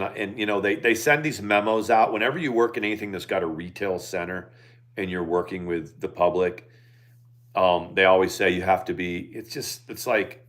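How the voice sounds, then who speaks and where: Very deep-voiced plainspoken man. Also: fairly bright tone. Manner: plainspoken, hesitant, many fillers. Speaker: livestream co-host. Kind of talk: casual chat.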